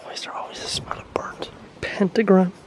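Chatty young Irish man in an echoey room. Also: a little fast. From Ireland. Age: young adult. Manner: chatty, full of "like" and "you know", drops to hushed whispers while exploring. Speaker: vlogger and musician. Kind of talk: casual vlog chat. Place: room indoors, then an abandoned building. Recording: echoey, distant camera audio.

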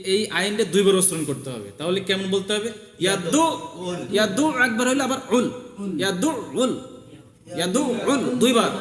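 A man teaching Quran recitation, repeating phrases for his learners and chanting the verses slowly. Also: sits high, a bit bright, echoey room, big-room sound. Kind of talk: tajweed lesson with chanted recitation.

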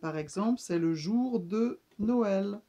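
A woman giving a slow reading lesson to young children, stretching and repeating sounds for them. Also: medium pitch, warm tone. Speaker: speech therapist teaching reading.

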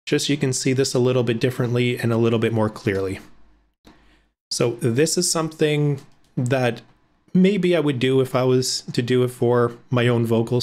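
A man in his thirties giving a casual screen-recorded video editing tutorial from a home room. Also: mid-range voice. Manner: explanatory, casual, with fillers. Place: home room with blackout curtains.

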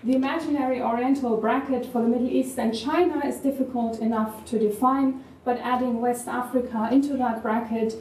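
A woman with a German accent giving measured, thoughtful academic remarks as a panel discussant, with a touch of wry humor. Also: a little high, fairly even intonation, a little mellow, a little hiss or hum. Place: university event hall. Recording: echoey room, distant mic, faint ambience.

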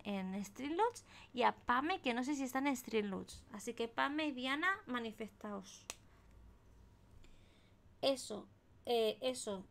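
Colouring during her live stream, a young woman from Spain chats casually in Spain Spanish, telling a rambling story and thanking viewers by name. Her voice is a little high and a bit bright.

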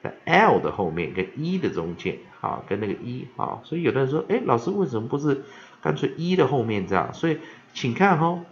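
A man teaching English vocabulary pronunciation, often stretching out the example words and filling pauses with "ah". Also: mid-range voice. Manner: lively, drawn-out demonstration of words, frequent filler "ah". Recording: dull lo-fi recording.

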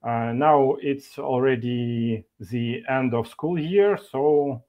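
A man's voice: mid-range voice, a little mellow. A man presenting at an online meetup over a video call, speaking with frequent fillers and restarts. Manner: halting, many fillers and restarts. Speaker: conference speaker from an e-learning developer.

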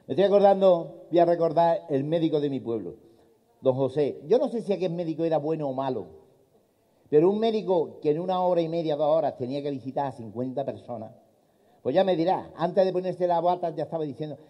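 A man's voice: on the high side, lively intonation, a little fast, big-room sound. A man telling folksy jokes live on an outdoor stage, slipping into character voices. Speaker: stand-up comedian. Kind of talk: live stand-up storytelling. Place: outdoor town square stage. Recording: dull lo-fi live recording.

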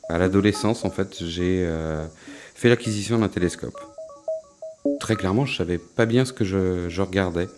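Deep-voiced middle-aged man. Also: normal speed, music in the background. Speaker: astronomy centre director and science educator. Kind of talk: interview, explanatory talk.

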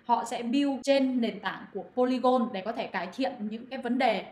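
A woman's voice: on the high side, moderate pace, darkish tone. Chatty woman explaining crypto, echoey room. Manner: addresses listeners as anh chị, many fillers. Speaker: crypto channel moderator. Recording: echoey room, faint noise.

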